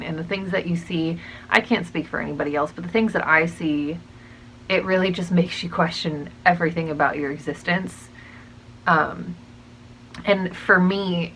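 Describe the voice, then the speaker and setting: A young woman hosts her own channel and talks casually and a little hesitantly, stopping to restart her sentences. Her voice sits somewhat low. A faint ambient hum runs beneath the recording. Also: a bit bright, rough recording. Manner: musing, hesitant, frequent ums and restarts. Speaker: channel host. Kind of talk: casual talk to camera.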